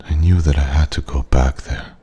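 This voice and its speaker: A man playing a wise, regretful old man at a pub, a soft-spoken old sage giving slow, gentle advice in an ASMR ASMR role-play. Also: rumbling low, steady tone, breathy edge, full character voice. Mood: wistful, regretful. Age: older.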